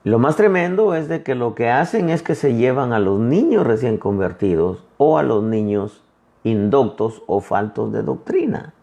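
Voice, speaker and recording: Gravelly-voiced man preaching a sermon. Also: medium pitch, normal speed. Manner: conversational preaching, addresses listeners as brother; retells dialogues in lively quoted voices. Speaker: pastor.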